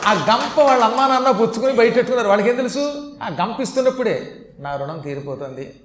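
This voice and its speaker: Guy with a high voice telling a devotional story, chants verses slow, echoey room. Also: some chatter behind. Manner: chants Sanskrit and Telugu verses slowly, lively storytelling. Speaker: religious discourse speaker.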